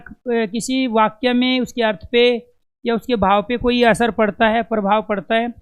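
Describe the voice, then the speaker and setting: A man's voice: very high-pitched, clear, resonant tone. A man teaching an exam-prep lesson, who asks questions and answers them himself and repeats the key terms to drill them in.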